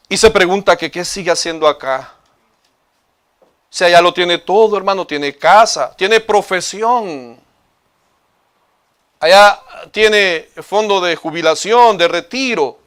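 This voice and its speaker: A man's voice: high voice, fairly bright tone, clean tone. Impassioned man preaching a sermon. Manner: impassioned preaching, addressing listeners as hermano. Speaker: pastor.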